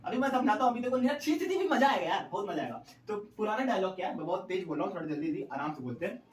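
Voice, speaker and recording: A man's voice: high-pitched, expressive, rapid-fire, distant mic, slight background noise. A young man teaching a physics derivation in a playful, dramatic way and cracking jokes as he goes. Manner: jokey, dramatic, switches into student voices. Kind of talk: playful classroom explanation. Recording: echoey room, away from the mic. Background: a dog barking.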